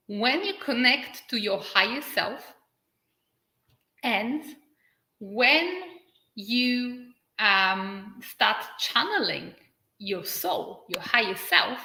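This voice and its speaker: A Polish woman speaking English as a second language with a Polish accent gives an earnest spiritual livestream talk, answering viewer comments as a spiritual channel and activator. Her mid-range voice has a sharp tone, and she stretches key words with dramatic pauses, recorded in an echoey room.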